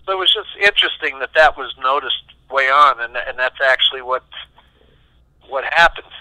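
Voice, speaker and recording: A guitarist answering interview questions as a lively storyteller who acts out the voices of the people he quotes. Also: medium pitch, moderate pace, no room sound, low-quality recording. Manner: animated, acts out quoted voices, many restarts. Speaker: session guitarist, interview guest.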